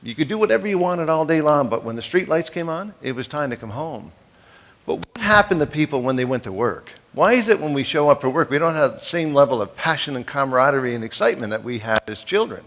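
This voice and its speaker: A man's voice: a little high, sing-song, quick pace, fairly bright tone. Fifty-something guy doing a keynote, folksy, cracks jokes, asks the crowd stuff. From East Coast. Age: 50s. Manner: folksy, joking, asks the audience questions. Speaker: keynote speaker. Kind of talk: motivational keynote speech.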